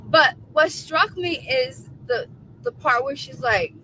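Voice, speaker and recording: Woman, forties, bright sharp voice, emphatic, repeats points, casual live chat. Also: high voice, animated, takes it slowly, slight background noise, rough recording. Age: 40s. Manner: emphatic, repeats herself for effect. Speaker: co-host of a livestream.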